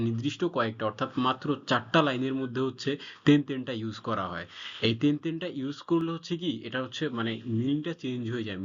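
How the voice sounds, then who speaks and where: A man's voice: medium pitch, fairly bright tone. A man teaching a casual language lesson, informal and repetitive, with frequent fillers. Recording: slightly dull lo-fi audio.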